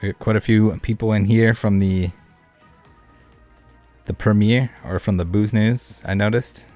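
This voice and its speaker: Speaking unhurriedly in a fairly low, steady voice with a somewhat dark tone, a man hosts a card game live stream. He chats with viewers casually, rambling and joking in a laid-back way, while background music plays.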